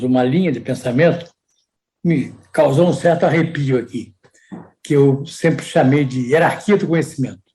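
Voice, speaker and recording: A man's voice: medium pitch, a little mellow, poor audio. A man hosting a podcast, speaking thoughtfully and asking questions. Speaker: podcast host. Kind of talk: casual podcast conversation.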